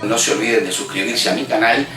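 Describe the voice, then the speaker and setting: A man's voice: fairly low pitch, steady tone, fast. A man narrating a travel vlog in a chatty, enthusiastic way, explaining sights as he walks around a city outdoors. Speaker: travel vlogger. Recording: music playing under the voice.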